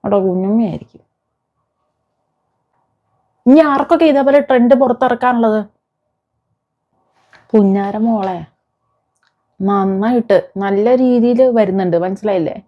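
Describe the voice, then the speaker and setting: A woman's mid-range voice moves a little slowly with long pauses as she gives indignant, informal commentary on video. She has a Kerala Malayalam accent and scolds viewers with rhetorical questions. The recording is dull and muffled, lo-fi.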